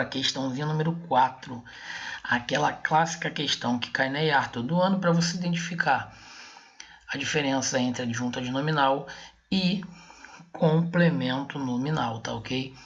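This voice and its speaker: Brazilian guy explaining grammar step by step, gravelly voice, kinda muffled lo-fi sound. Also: on the high side, a bit bright. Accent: Brazilian Portuguese. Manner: explains step by step, with frequent check-ins. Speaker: Portuguese teacher. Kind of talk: online exam-prep lesson.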